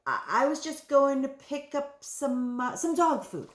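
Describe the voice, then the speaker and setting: A woman's voice: mid-range voice, sing-song, slow, a little mellow. A woman voicing a timid young girl who stammers nervously, in a storybook reading. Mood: stammering. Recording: roomy room echo.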